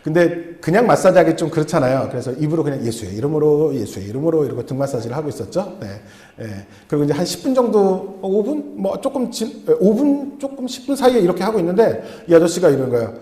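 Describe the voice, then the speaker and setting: A man preaching a sermon as a missionary, telling a personal story in an animated way and acting out the dialogue. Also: fairly high pitch, quick pace, few pauses, reverberant. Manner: animated, acts out dialogue in changing voices. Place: church sanctuary.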